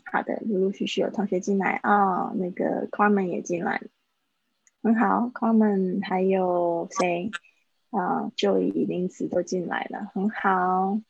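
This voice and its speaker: A woman teaching English words in a live online lesson. She explains slowly and repeats each word for pronunciation. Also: mid-range voice, little pitch movement, vocal fry, a little mellow, breathy edge, dry recording. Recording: dull, dry livestream audio.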